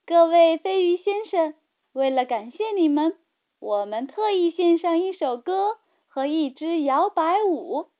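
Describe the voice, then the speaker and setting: A woman's voice: extremely high pitch, animated, measured pace, voice pushed up. A woman voicing a little cat-fish creature, childlike and squealing, in a children's storybook. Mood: happy. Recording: tinny phone-like sound.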